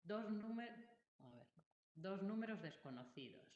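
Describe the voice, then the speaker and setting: A woman's voice: medium pitch, expressive, a little slow, a little mellow. A woman teaching a math class, explaining patiently step by step and checking that students follow. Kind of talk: classroom lesson. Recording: roomy, dull lo-fi recording.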